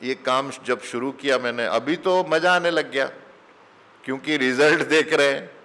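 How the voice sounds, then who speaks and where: With a mid-range voice and a sharp tone, this middle-aged spiritual teacher gives satsang as a relaxed sermon packed with stories. He speaks slowly, dropping English phrases into Hindi, while long hall reverb surrounds the recording.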